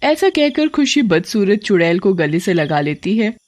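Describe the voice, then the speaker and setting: Steady horror cartoon storyteller. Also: mid-range voice, normal speed, dry recording. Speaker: narrator.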